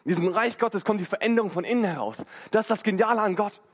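A man's voice: high-pitched, fast. A man in his twenties preaching a sermon in a casual, slangy way, acting out inner voices, recorded in a church hall. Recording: long hall reverb.

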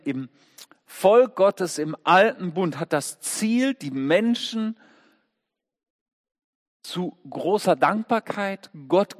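A man preaching a sermon, telling the story vividly and asking his listeners rhetorical questions. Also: on the high side. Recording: long echoing church reverb.

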